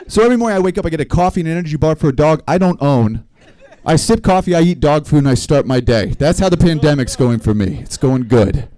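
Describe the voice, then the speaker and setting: Mellow deadpan male stand-up comic. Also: a little high, fast talker, hardly any pauses. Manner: deadpan, rambling storytelling with small laughs. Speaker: stand-up comedian. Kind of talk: stand-up comedy set. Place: live comedy stream venue.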